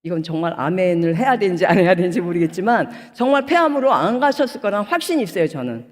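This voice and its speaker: A woman pastor in her sixties giving an animated testimony sermon, acting out the voices in her story and rising to emotional outbursts. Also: fairly low pitch, fast talker. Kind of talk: testimony sermon at a prayer retreat. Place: prayer retreat hall. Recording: long reverb of a large hall.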